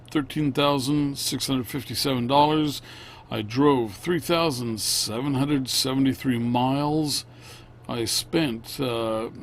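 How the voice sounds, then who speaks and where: A man narrating a casual vlog, unscripted, in a halting, plain-spoken way. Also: mid-range voice, slight background noise. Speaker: vlogger.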